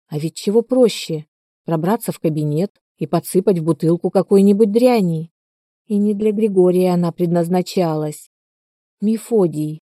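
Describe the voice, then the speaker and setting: Audiobook narrator: woman, very dark low-ish voice, dry close studio sound. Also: no echo.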